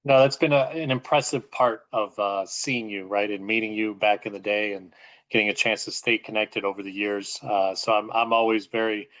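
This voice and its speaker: A man's voice: lowish voice, fairly even intonation, moderate pace, fairly bright tone, low-quality recording. A man hosting a podcast interview, enthusiastic and full of fillers. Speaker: podcast host.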